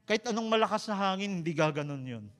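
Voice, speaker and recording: In a high voice and at a fast clip, a man with a Filipino accent preaches, shifting back and forth between English and Tagalog. He is a spirited, joking storyteller, and his voice rings with a long reverb tail.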